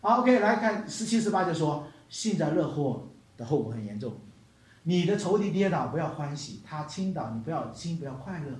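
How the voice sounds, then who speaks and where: Brief: lively preacher delivering a sermon, questions the flock, mixes in English words; wide-ranging pitch, hall echo. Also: moderate pace. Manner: asks the congregation questions. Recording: echoey hall.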